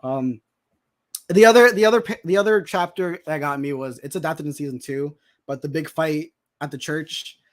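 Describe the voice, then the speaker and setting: A man chatting casually as a podcast guest, excitable and rambling, with many restarts. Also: on the high side, moderate pace. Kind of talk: casual chat.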